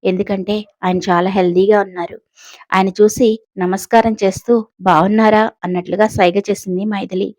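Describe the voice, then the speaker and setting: A woman telling an audio story, reading scripted narration in a steady, descriptive way. Her voice sits at an ordinary middle pitch, recorded close and dry with no room echo. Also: a little fast.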